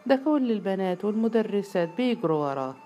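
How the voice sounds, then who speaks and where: A woman's voice: on the high side, very animated, fast, gravelly, darkish tone, a little hiss or hum, pitched above the performer's own voice. A woman with an Egyptian accent voicing a nosy young female student friend who talks in a mocking, eager way. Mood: teasing.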